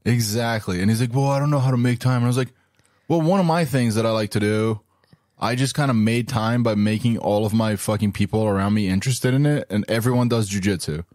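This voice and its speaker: Low-voiced, laid-back swearing man. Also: brisk, darkish tone, no echo, clean studio sound. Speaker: podcast co-host. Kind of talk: casual chat.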